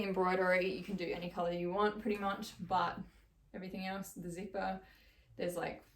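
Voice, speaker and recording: A woman's voice: medium pitch, fairly bright tone, roomy sound, recorded from a distance. A young Australian woman vlogging in casual, chatty talk, gushing and full of "like". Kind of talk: casual chat.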